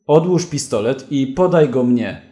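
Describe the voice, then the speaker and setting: A man voicing a corrupt policeman who talks quietly and steadily, giving commands. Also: medium pitch, animated, a little slow, roomy sound, natural voice. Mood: calm, commanding. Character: calm, menacing corrupt male policeman.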